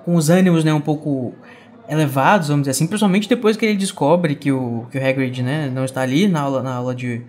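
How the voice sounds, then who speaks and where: A man's voice: on the high side, fast talker, darkish tone. A man co-hosting a casual book-club podcast, chatty and full of little tag questions. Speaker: podcast co-host.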